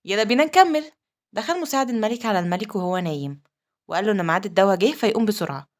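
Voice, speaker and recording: Woman, Egyptian Arabic accent, story recap narration, very fast pace. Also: mid-range voice, animated. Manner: rapid storytelling, quoted lines read plainly.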